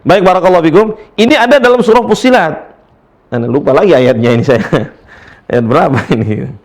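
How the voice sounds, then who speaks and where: A man teaching a casual recitation lesson, explaining rules and then chanting verses slowly and drawn out. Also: on the high side, darkish tone.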